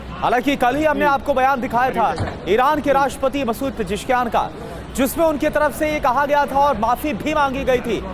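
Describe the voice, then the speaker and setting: A woman anchoring a live television news broadcast, reading breaking updates and putting questions to guests. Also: sits high.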